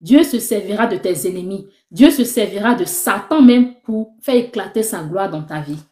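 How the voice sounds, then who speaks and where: A young woman giving a lively personal faith testimony, acting out the conversations she tells. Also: medium pitch, normal speed. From Ivory Coast. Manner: animated storytelling, acting out dialogue. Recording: roomy echo.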